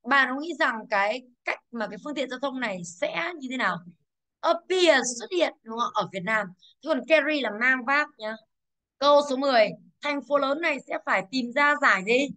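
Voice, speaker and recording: A woman's voice: high-pitched, expressive, moderate pace, pushed and bright. Teacher woman quizzing her class. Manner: quizzing pupils, drilling pronunciation. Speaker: English teacher. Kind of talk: classroom lesson.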